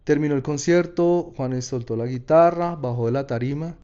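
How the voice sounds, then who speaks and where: A man with a Colombian Paisa accent telling a personal story in a casual, slangy, lively way. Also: fairly high pitch, moderate pace, clear, resonant tone, muffled recording. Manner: casual, slangy, animated retelling.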